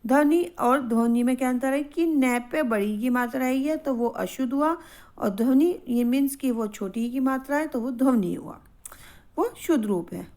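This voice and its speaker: A woman teaching a grammar lesson, reading words out slowly and saying each one twice. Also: sits high, a little mellow. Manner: slow, careful, repeats each word twice.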